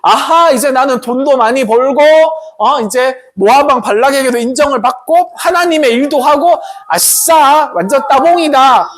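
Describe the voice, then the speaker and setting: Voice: sits high, fairly even intonation, moderate pace, hardly any pauses, voice pushed up, lightly acted. A man doing a greedy, hot-tempered prophet. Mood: gleeful. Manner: shouting in exasperation, scolding.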